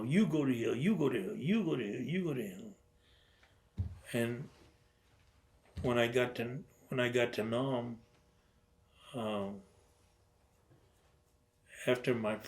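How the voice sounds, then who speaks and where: An older man recounts his memories in an oral history interview, speaking in a conversational storytelling way. He stumbles and restarts often and slips into the voices of people he quotes. His pitch sits in an ordinary middle range. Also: darkish tone. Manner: storytelling, acts out quoted dialogue, halting restarts. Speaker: interviewee, veteran.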